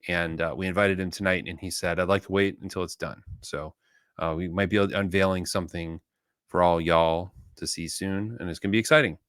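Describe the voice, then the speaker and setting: A man with a lowish voice co-hosts a casual knife talk show. He rambles easily, full of ums and uhs. The sound is dry and close, with no room echo. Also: fairly even intonation, brisk, fairly bright tone. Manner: rambling, easygoing, many fillers. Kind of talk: casual chat.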